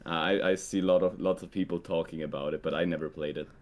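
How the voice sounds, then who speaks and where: Deep-voiced young man, hesitant. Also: fast. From Switzerland. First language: Swiss German. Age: young adult. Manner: relaxed, hesitant, heavy use of "like" and "um". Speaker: guest. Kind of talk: casual conversation.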